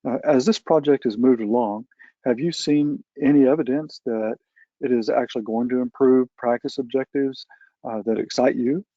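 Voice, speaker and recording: Mellow-voiced man moderating a panel. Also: mid-range voice, steady tone, no room sound, lo-fi sound. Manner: measured, with hesitant fillers.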